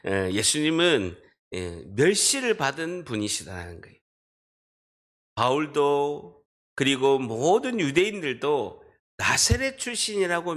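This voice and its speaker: A man's voice: a little high, fairly bright tone. A middle-aged man from Busan, preaching a sermon as pastor with a Busan accent and emphatic delivery, guiding the congregation through the text. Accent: Busan dialect. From Busan, South Korea. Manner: emphatic preaching, directing the congregation to read and underline. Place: church sanctuary.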